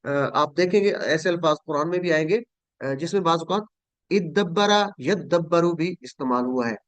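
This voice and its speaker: Man teaching verb forms, high voice. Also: dry recording. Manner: patient, repeats word forms slowly and corrects students. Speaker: Quran Arabic teacher. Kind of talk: online class drilling verb tables.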